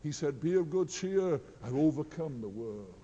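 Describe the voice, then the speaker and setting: Male preacher, high mellow voice, slow and earnest, long hall reverb. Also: animated, lo-fi sound. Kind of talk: sermon.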